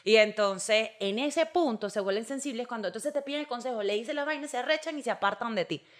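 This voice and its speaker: A woman's voice: on the high side, a little fast. A woman with a Venezuelan accent co-hosting a podcast in casual chat, blunt and slangy, acting out little exchanges. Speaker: podcast co-host.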